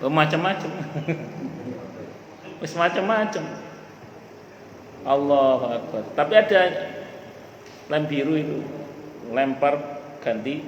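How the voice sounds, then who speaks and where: Lively preacher man with a lilt, echoey hall. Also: on the high side, slow, pauses often, lo-fi sound. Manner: lively, jokes with the audience, repeats key points. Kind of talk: religious study talk. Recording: echoey hall with faint room noise.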